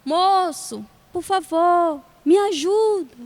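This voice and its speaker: A woman's voice: very high voice, takes it slowly, big-room sound, heavily acted. Woman voicing a sick, pleading wolf. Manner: pleading, weary.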